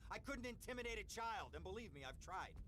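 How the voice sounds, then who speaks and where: A man's voice: high-pitched, expressive, fairly quick, noisy background. A man playing a cowardly, neurotic crooked lawyer in a video game, whining frantically and putting himself down. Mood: exasperated pleading. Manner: frantic, whiny, self-deprecating. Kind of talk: video game cutscene acting.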